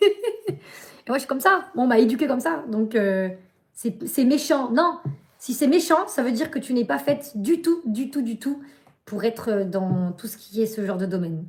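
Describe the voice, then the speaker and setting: A woman's voice: a little high, lively intonation, unhurried. A young woman live-streaming from her bedroom, chatting casually and ranting in slangy speech, often adding a tag "hein".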